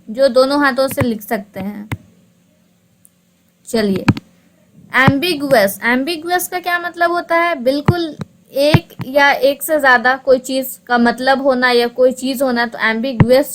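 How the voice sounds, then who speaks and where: Woman teacher with a high voice, keeps asking her own questions and answering them, reads english options out slow, faint hiss behind. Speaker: English teacher for exam prep. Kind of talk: explanatory online lesson.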